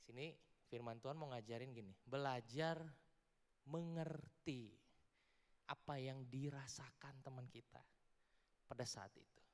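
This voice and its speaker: A man preaches to a youth crowd in a casual, playful way, tossing questions at the listeners and slipping in English words. His voice sits a little high, and a long hall reverb trails after every phrase. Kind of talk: casual youth sermon with audience interaction. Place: large church hall before a youth audience.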